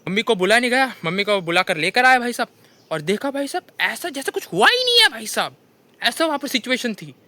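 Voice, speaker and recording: A young man with a Hindi accent tells comic stories of his kitchen mishaps, constantly saying "bhai sahab" in an animated monologue. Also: high-pitched, no room sound. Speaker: comedian telling funny stories. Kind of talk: stand-up storytelling monologue.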